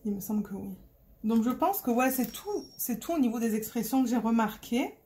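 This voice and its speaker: Woman, Marseille accent, casual vlog chatter, hesitant and rambling, recorded on a phone, a bit high-pitched. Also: expressive, fairly quick, warm tone. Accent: Marseille French. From Marseille, France. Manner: rambling, hesitant, searching for words. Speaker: diamond painting vlogger. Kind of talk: casual chat to camera.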